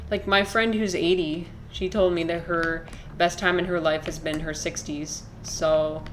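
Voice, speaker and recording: A woman's voice: lowish voice, steady tone, unhurried, faint music behind. A woman in her twenties chatting casually with her viewers while she plays a game, rambling, swearing freely and answering chat comments. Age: 20s. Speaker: live streamer playing a video game.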